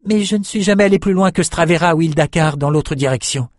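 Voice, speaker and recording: A man's voice: fairly high pitch, fast talker, no room sound, pitched above the performer's own voice, lightly acted. A man voicing a frightened female shepherd who pleads in a raised, strained voice, recorded dry. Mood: pleading.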